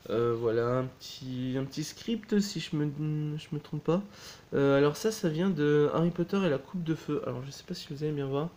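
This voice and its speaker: A man with a slightly high, darkish voice chats casually while showing off a DVD box set, loose and hesitant, often correcting himself. There's a little hiss or hum on the recording.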